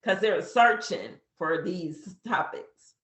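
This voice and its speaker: A woman's voice: on the low side, takes it slowly, fairly bright tone, reverberant. A woman in her fifties casually walking a beginner through an app step by step, chatty with fillers. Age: 50s. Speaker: business coach teaching social media. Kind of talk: casual how-to walkthrough.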